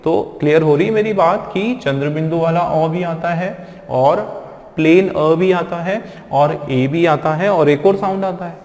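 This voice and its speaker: A man's voice: on the high side, a little slow, a little mellow. Man teaching in an echoey room. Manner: explains step by step, often asks the class questions. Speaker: spoken English teacher. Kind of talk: classroom lesson explaining pronunciation. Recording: echoey room with long reverb.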